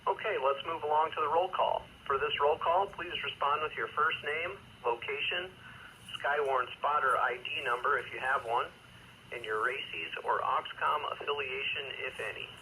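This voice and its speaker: A man acting as amateur radio net controller, reading procedure in a measured, formal way over two-way radio with static. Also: on the high side, bright, forceful tone, poor audio. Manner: measured, formal, with hesitant asides. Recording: radio transmission with faint static noise.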